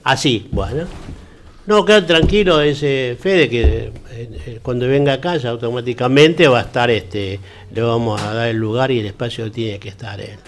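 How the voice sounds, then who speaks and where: A man's voice: medium pitch, moderate pace, a little hiss or hum. A man with a Rioplatense Argentine accent, an interview guest recalling the past in an earnest, moralizing way. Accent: Argentine Rioplatense Spanish. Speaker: interview guest, longtime party militant. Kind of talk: reminiscing interview talk.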